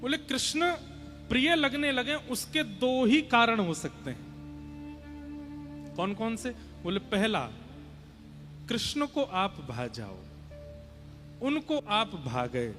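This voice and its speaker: Before a seated audience in a large hall, an earnest young kathavachak preacher gives a devotional sermon, chanting Sanskrit verses and urging listeners to listen closely. His high-pitched, fairly bright voice is very animated yet slow, with frequent pauses, and soft music plays in the background.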